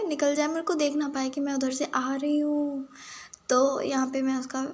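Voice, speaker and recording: A woman with a hoarse, worn-out throat giving playful, self-mocking casual commentary over her game stream. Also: sits high.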